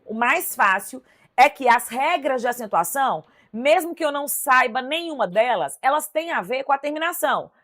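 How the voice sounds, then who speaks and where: A Brazilian woman teaching a live online class, correcting exam questions in a lively, emphatic way and talking straight to her viewers. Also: fairly high pitch. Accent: Brazilian Portuguese. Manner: lively, emphatic, addresses viewers directly with "ó" and "tá vendo?". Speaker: Portuguese teacher.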